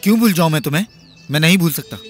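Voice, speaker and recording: A man's voice: fairly high pitch, lively intonation, very fast, faint music behind, lightly acted. A man dubbing an earnest young lover. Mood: pleading. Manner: earnest, pleading. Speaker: dub actor. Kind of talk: film dubbing.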